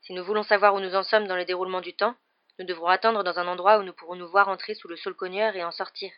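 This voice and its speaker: A brave teenage boy, hushed and tense, as a woman reader puts him on, close to her own voice. The recording sounds dull and muffled. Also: on the low side, fairly even intonation, fast talker, lightly acted.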